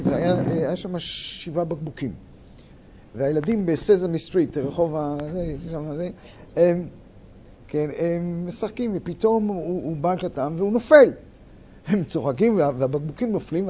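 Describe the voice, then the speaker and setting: An older man leading a workshop, lecturing a group and acting out quarrels in sharp, loud bursts. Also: fairly high pitch. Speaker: workshop leader. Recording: muffled recording with faint background noise.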